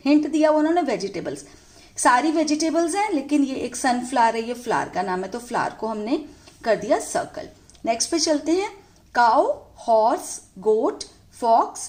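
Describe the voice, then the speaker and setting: A woman's voice: high-pitched, a little mellow. A woman teaching an English lesson to young pupils, translating each word into Hindi. She asks questions and answers them herself, often checking in with her listeners.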